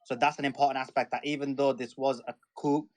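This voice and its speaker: A man on a live news panel, jumping in with quick, eager interjections. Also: medium pitch, level tone, a little mellow, no room sound.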